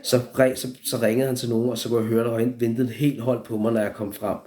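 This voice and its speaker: A young man tells a story on a casual live stream. He rambles, swears freely and restarts his sentences again and again. His voice sits at an ordinary middle pitch for a man. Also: level tone, warm tone. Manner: rambling, profane, with many restarts.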